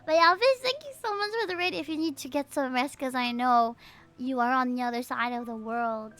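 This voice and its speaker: With music in the background, a woman from the Philippines who streams games as a VTuber chats with her audience in a bubbly, effusive way. She speaks fairly quickly in a high, somewhat bright voice, frequently repeating her greetings and thanks.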